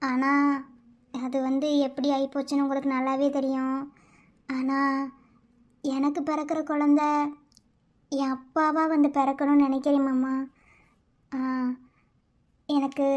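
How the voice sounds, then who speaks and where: A woman voicing a squeaky, tearful Madurai cartoon girl. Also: level tone, measured pace, pauses often, a little mellow. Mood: tearful pleading. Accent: Madurai Tamil. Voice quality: very high, childlike cartoon voice. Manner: pleading, emotional, rustic slang. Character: young woman, tearful, longing for her late father. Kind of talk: cartoon voice acting.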